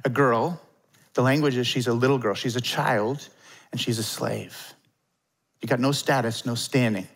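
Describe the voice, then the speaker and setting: A man's voice: mid-range voice, fairly even intonation, moderate pace, creaky, slightly rough. A middle-aged male pastor preaching a conversational sermon, emphatic, acting out the quotes he tells.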